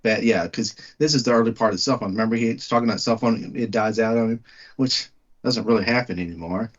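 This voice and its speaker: A man's voice: on the low side, quick pace, lo-fi sound. A man with a West Texas twang chatting casually about film, emphatically stating his opinions and rephrasing his points. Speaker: movie podcast co-host.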